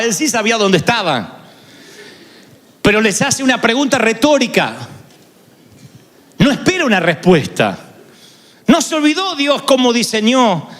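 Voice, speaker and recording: A man's voice: very high voice, a bit bright. A man preaching a sermon in a large hall, dramatic and storytelling, acting out quoted voices. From Argentina. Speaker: pastor. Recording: large hall with long reverb.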